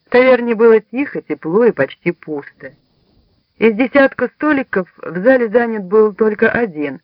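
A high-voiced man reads a story aloud with lively storytelling narration. The recording is dry and close, with a slightly dull, lo-fi tone. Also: normal speed, no echo. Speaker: audiobook narrator. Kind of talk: scripted narration.

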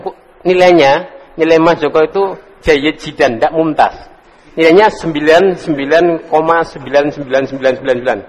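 Teacher in an echoey hall. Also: male voice, a little high. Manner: drills pronunciation slowly, corrects and teases students. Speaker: Arabic teacher. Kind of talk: classroom lesson, quizzing students. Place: lecture hall with students.

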